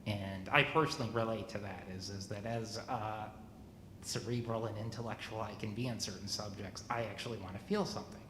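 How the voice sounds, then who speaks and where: A man's voice: fairly low pitch, fairly even intonation. Brief: man in his forties, community questioner, stumbling, self-correcting delivery, roomy hall echo, faint hiss. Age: 40s. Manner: halting, stumbles and restarts often. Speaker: church member asking questions. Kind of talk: question at a church meeting. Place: church meeting room.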